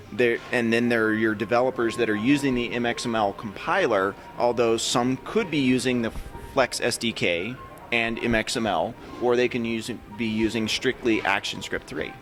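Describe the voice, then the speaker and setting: A man's voice: mid-range voice, fairly bright tone. A man in casual podcast chat, explaining a technical point at length and restarting his sentences often.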